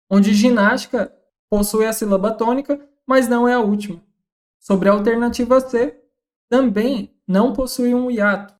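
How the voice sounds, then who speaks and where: Brazilian woman tutor, higher-pitched, methodical walkthrough of test answers. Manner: methodical, reads questions then rules out options. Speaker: Portuguese exam tutor. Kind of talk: scripted exam-question walkthrough.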